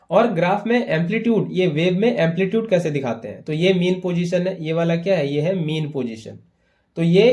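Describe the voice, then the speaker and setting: A male physics teacher with a slightly higher-pitched voice walks through an exam-prep lesson one step at a time. He slips English terms into Hindi and keeps checking that his students follow along. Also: a little mellow. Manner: explains step by step with repeated "है ना" checks.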